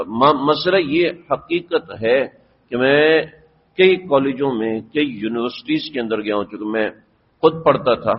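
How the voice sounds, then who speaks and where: A man's voice: medium pitch, husky. A man preaching a sermon as a mufti, earnest and storytelling, rising to emphatic exhortation. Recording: dull lo-fi audio with long hall reverb.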